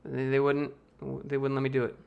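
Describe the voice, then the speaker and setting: Speaking into a desk mic at home, this American YouTube host reads viewer questions from chat and answers them offhand, slipping in quick jokes during a casual livestream Q&A. The recording is muffled, and his mid-range voice is monotone with vocal fry.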